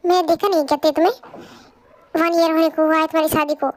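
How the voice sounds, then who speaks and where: A woman's voice: extremely high pitch, level tone, fast talker, no echo. A woman voicing a resentful sister-in-law who speaks sharply and reproachfully, in a fan audio drama dub. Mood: scolding.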